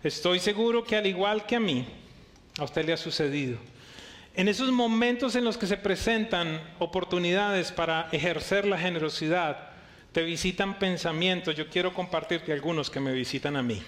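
A man's voice: high voice, moderate pace, a bit bright. A middle-aged male pastor preaching a sermon, emphatic, asking the church rhetorical questions.

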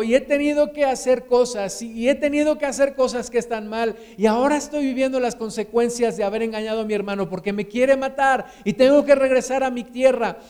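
A man's voice: very high-pitched, darkish tone. A man preaching voices the biblical patriarch Jacob as an anguished man confessing and begging for a blessing. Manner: desperate, pleading, confessional.

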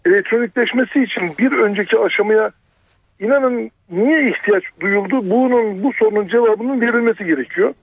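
A man's voice: high-pitched, fairly quick, breathy edge, no echo. A man calling a phone-in show by telephone, arguing his point. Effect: over a telephone. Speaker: phone-in caller, doctor. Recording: tinny, narrow phone line.

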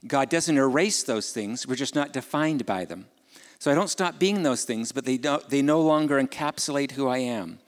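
A man's voice: mid-range voice, normal speed. A man preaching a sermon in a conversational way, asking his listeners questions and adding casual asides. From Ukraine. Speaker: pastor. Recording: long hall reverb.

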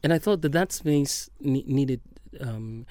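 A middle-aged man, a singer-songwriter guest talking softly and romantically in a relaxed studio chat. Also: mid-range voice, a little slow, background noise. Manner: soft-spoken, romantic, laughs often.

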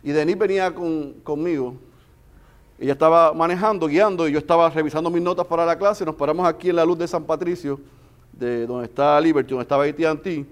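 Impassioned preacher, higher-pitched man. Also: a little fast. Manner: impassioned, swings between loud emphasis and hushed storytelling. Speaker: pastor. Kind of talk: sermon.

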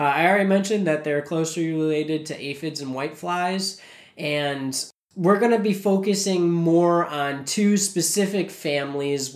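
A man with a gravelly voice, getting over a cold, talking casually and informatively as a podcast co-host. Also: a little high. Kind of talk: casual educational podcast talk. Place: cold whitewashed makeshift studio room. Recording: hollow, echoey bare room.

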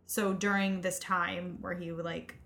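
Bright-toned young woman telling a crime story. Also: on the low side, slow pace, creaky, slight background noise. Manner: relaxed, swears casually, trails off softly. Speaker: podcast co-host. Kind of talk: casual true crime storytelling.

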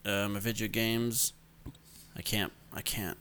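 A man's voice: on the low side, little pitch movement, slow, fairly bright tone, clean tone. A young man co-hosting a casual podcast chat, rambling and self-mocking, laughing often. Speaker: podcast co-host.

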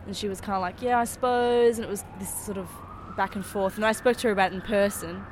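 A woman's voice: medium pitch, steady tone, fast talker. A nineteen-year-old woman speaking casually in a street interview. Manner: casual, chatty. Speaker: member of the public. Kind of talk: casual vox pop. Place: outdoors in a city street. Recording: street noise with passing siren.

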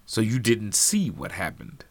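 A man reading aloud as a smug, stern police detective who fires off clipped, demanding questions. The voice sits fairly low but swings widely in pitch. It is recorded dry and close. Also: wildly swooping pitch, measured pace, breathy edge, dry recording, heavily acted. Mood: probing.

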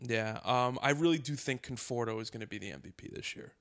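A man on a casual podcast, telling a story with lots of profanity, restarts and fast asides. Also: mid-range voice, fairly bright tone. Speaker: podcast co-host. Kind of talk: casual chat.

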